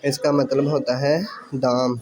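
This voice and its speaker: Reading quiz questions aloud in an exam-prep class, a man repeats every answer a few times for students to write down and slips English exam terms into what he says. He has a mid-range, darkish voice with a flat delivery.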